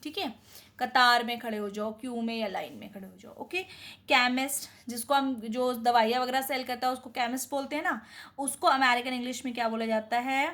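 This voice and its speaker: A woman teaching English vocabulary in Hindi, quizzing viewers and repeating each answer more softly. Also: on the high side, brisk. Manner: mixes Hindi and English words.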